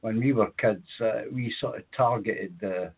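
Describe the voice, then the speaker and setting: Speaking at normal speed in a husky, fairly low voice, a Scottish man co-hosting a comedy radio show rambles through childhood anecdotes for the podcast. He leans on fillers and chuckles at his own stories, and the sound is tinny like a phone.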